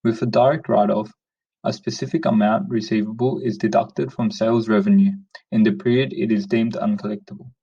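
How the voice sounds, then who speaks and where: A man reading a prepared script as a steady, plain narration over a lo-fi screen recording. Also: fairly low pitch, fairly quick, gravelly, slightly rough. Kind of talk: read-aloud screencast narration. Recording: dull lo-fi sound, distant from the mic.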